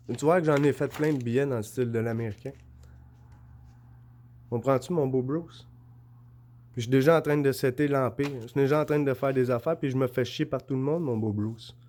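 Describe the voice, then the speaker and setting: A man with a Québécois French accent talks straight to camera in a rambling, insistent monologue. He keeps asking whether he is understood and holds up his notes and drawings as he goes. His voice sits at an ordinary middle pitch for a man. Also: a little mellow, a little hiss or hum. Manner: shows notes and drawings while talking. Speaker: vlogger.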